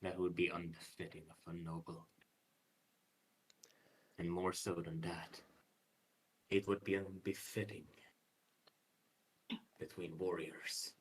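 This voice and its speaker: A man's voice: deep voice, level tone, voice pushed down, poor audio. Man playing a proud noble swordsman. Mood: stern. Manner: formal, measured speech. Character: proud honor-bound young male noble swordsman.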